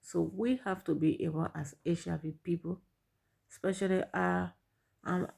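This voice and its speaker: A woman's voice: on the low side, fairly even intonation, moderate pace, vocal fry, darkish tone. A middle-aged woman with a Liberian accent, sharing her personal story and giving earnest advice, repeating points for emphasis.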